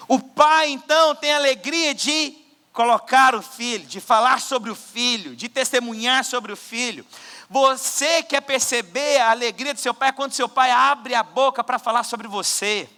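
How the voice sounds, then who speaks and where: A man preaching a sermon as pastor, swinging between loud exhortation and quiet asides. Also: very high voice, measured pace, clean tone. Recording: church hall with long reverb.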